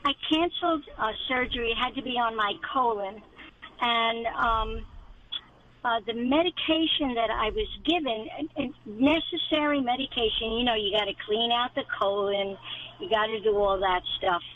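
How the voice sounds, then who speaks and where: A woman's voice: a little high, moderate pace. Woman on a clipped phone line. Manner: rambling, piles on details. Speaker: caller to a radio advice show. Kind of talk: call-in radio talk. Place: inside a car. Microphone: phone in a car.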